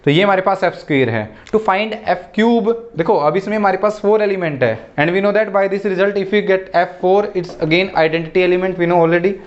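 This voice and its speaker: High-voiced man teaching math, lo-fi. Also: a little slow, few pauses. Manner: steps through examples, repeats "ठीक है" and "okay". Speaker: math lecturer. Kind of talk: Hindi-English blackboard lecture.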